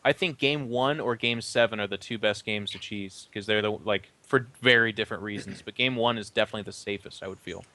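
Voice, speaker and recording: A man hosting a casual esports discussion, animated and putting questions to his panel. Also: lowish voice, brisk, hardly any pauses, no echo. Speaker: show host. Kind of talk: casual esports analysis chat.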